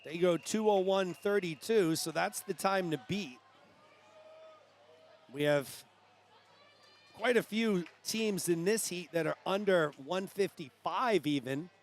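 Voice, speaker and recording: A man with a New England accent calling a youth swim meet live, brisk play-by-play that rises at the finishes. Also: sits high, a little hiss or hum. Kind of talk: live sports commentary.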